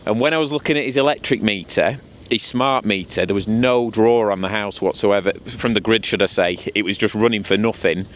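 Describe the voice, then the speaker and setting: A man's voice: fairly low pitch, a little fast, few pauses, a bit bright, a little hiss or hum. A man with a Lancashire accent chatting casually and colloquially as the host of a trade vlog. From Lancashire, England. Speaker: channel host and heat pump installer.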